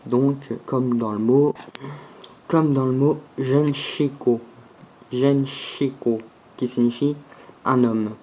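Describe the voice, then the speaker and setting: Very slow, mellow-voiced man teaching pronunciation. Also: mid-range voice, steady tone, slight background noise, rough recording. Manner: slow and deliberate, repeating each sound several times. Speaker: language teacher. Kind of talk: alphabet pronunciation lesson.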